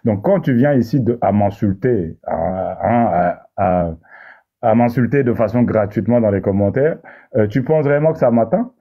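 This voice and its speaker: A man's voice: on the low side, normal speed. Heated, preachy man on lo-fi audio. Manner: repetitive restarts, sarcastic, preachy. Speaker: debater in an online discussion panel. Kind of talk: heated argumentative monologue. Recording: dull lo-fi audio.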